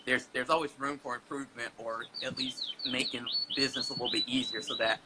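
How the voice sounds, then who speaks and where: A man's voice: mid-range voice, fairly even intonation, quick pace, very noisy. A man hosting an online interview show, asking questions in a chatty, curious way. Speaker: host.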